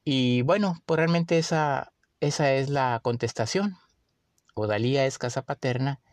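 Unhurried Mexican man, dry close sound. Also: medium pitch, no room sound. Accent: Mexican Spanish. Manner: unhurried, with frequent fillers and restarts. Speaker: podcast host. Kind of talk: casual reflective monologue.

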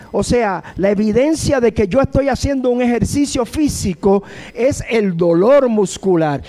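A man in his late fifties with a high-sitting, mellow voice preaches a chatty, humorous sermon. He keeps the talk conversational, often putting questions to the congregation.

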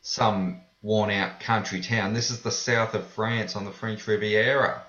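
A low-pitched Australian man talks casually as an interview guest, using plain everyday phrasing. His voice comes through a dull, roomy recording. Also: level tone, a little slow, sharp tone, a little hiss or hum. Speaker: podcast guest. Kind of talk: casual conversation.

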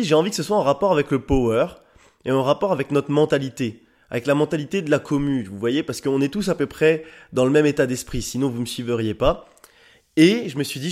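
A young man hosting his own podcast, talking casually and straight to his listeners in a slangy, excitable way. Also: medium pitch. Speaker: podcast host. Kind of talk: casual solo podcast talk.

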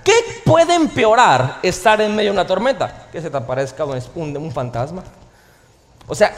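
Male pastor, lively high-pitched sermon delivery, playful humor, church hall with long reverb. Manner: animated, joking preacher. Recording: reverberant hall, faint ambience.

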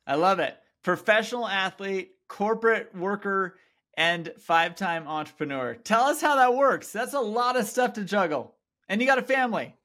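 Bright, high-voiced enthusiastic podcast host. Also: male voice, expressive, normal speed. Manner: enthusiastic, affirming. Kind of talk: casual interview.

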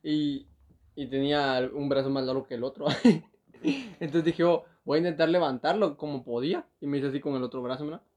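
A young man talks through a story in easygoing chat. His voice sits a little high but sounds mellow and warm, and he laughs often between lines. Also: normal speed. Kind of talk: casual chat.

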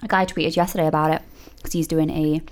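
Low-voiced female co-host, giggly, introduces topics casually. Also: level tone, fast talker. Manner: giggly, reads out headlines. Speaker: podcast co-host. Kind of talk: casual chat.

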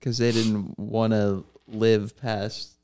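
A man's voice: on the low side, little pitch movement, slow, a little mellow, slight background noise. A man, chatting casually on a podcast and laughing often. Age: 20s. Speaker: podcast co-host. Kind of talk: casual chat.

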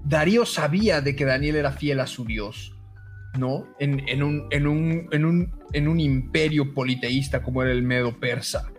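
Guy co-hosting a bible show, kinda high voice, fervent, lots of amen and restarts. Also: normal speed, soft background music. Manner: fervent, says amen, repeats words as he starts. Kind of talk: Bible teaching chat.

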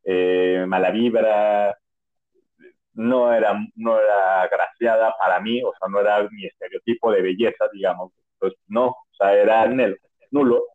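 A man's voice: on the low side, fairly even intonation, unhurried. A man with a Mexican accent telling personal stories on a podcast in a casual, rambling way, with many restarts and fillers. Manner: chatty, rambling, full of "o sea" and restarts. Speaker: podcast host. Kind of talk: casual storytelling. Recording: narrow phone-like audio.

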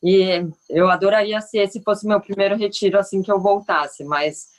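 Woman surf teacher as podcast guest, earnest and hesitant, mid pitch. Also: steady tone, normal speed, low-quality recording. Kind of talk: casual podcast chat.

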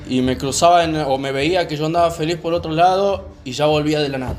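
Young male podcaster with a Rioplatense accent, relaxed storyteller, somewhat high voice. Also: soft background music. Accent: Rioplatense Spanish. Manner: calm, unhurried, many fillers. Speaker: podcast co-host. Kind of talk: casual storytelling chat.

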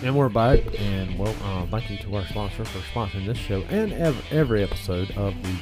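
A man with a smoker's rasp, bantering casually as a podcast co-host. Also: fairly low pitch, expressive, brisk, music in the background. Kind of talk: casual beer-review banter.

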